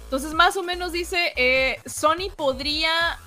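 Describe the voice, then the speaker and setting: A woman's voice: very high voice, unhurried, bright, forceful tone. A woman in a casual panel chat on gaming news, speaking Spanglish, mixing English words into her Spanish. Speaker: podcast panelist. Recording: music behind the voice.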